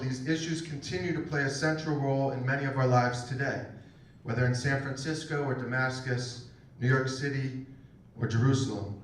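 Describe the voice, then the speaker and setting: A man gives a formal introduction at a campus event, pausing between items. His mid-range voice carries from a distance, ringing around a very echoey room with faint noise behind. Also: medium pitch. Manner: reads announcements with measured pauses. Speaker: program host introducing an event. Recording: echoey room, far from the mic.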